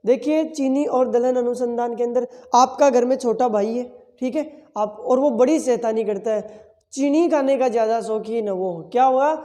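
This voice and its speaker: A man's voice: very high voice, normal speed, dark tone, big-room sound. A male teacher giving an exam-prep lesson full of memory tricks, asking questions and answering them himself and repeating key words several times.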